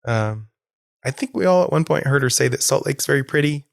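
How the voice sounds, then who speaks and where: A man's voice: mid-range voice, animated, brisk, creaky, dry recording, clean studio sound. A man hosting a podcast, rambling with enthusiasm about a concert and laughing often. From Florida. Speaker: podcast host. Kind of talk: casual solo podcast monologue.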